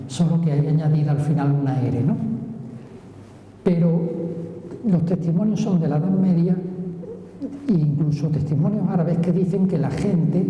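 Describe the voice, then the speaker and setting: A woman's voice: low voice, warm tone. A woman giving a public lecture on place names, explaining step by step and checking in with the audience as she goes. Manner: explanatory, frequent checking tags. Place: lecture hall. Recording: roomy hall echo, dull lo-fi sound.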